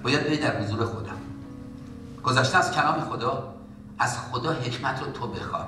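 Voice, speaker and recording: A man preaching a sermon as a pastor, in an impassioned way that rises to loud exhortation. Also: medium pitch, music in the background. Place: church. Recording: echoey church hall from far off.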